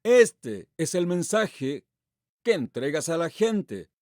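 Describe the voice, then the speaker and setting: Lively preaching pastor, high animated voice. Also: male voice, takes it slowly, no echo, studio quality. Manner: preaching with rhetorical questions and Bible readings. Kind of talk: sermon.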